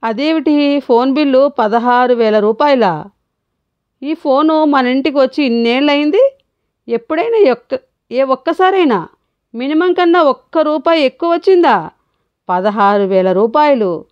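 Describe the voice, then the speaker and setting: A woman's voice: high voice, measured pace, no echo, highs cut off, voice pushed up. A woman voicing an indignant grumbling father. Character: grumbling middle-aged father fretting over a phone bill.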